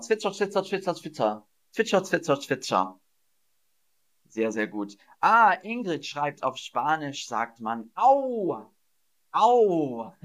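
A man teaching German in a livestream, repeating questions slowly and playfully acting out sound words for his viewers. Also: mid-range voice, fairly bright tone. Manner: slow, drawn-out teaching delivery with repeated questions. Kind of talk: livestreamed language lesson. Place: Berlin.

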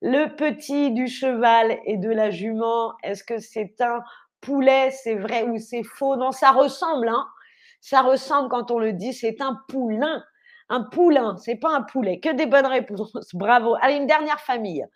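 A young woman teaching French on a livestream, speaking slowly and clearly, spelling words out letter by letter and cheering on viewers. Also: a little high. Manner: upbeat, encouraging, quizzes viewers. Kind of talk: live online vocabulary lesson.

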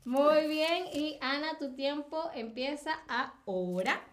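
A woman's voice: high voice, takes it slowly. A Venezuelan woman hosting a drawing quiz in a language lesson, encouraging and full of affirmations. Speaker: host.

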